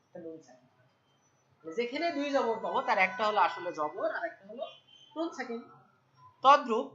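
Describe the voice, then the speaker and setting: A woman's voice: on the high side, lively intonation, moderate pace, sharp tone, highs cut off, a little hiss or hum. A woman teaching Quran reading step by step, patiently repeating each point and checking that the students follow. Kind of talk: step-by-step lesson.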